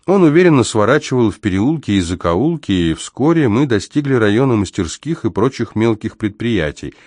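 Deep-voiced male audiobook reader. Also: big pitch swings, moderate pace, a little mellow, no room sound, studio quality. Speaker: audiobook narrator. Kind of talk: first-person audiobook narration.

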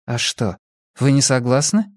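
A man's voice: mid-range voice, expressive, unhurried, no echo, studio quality, pitched above the performer's own voice, natural voice. A male audiobook narrator voicing a composed, thoughtful woman detective in a raised voice.

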